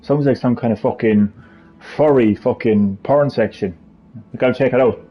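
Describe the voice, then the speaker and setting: With a medium pitch and a moderate pace, a Cork-accented Irishman jokes and rants profanely while hosting a casual live stream. His slightly muffled audio carries soft background music.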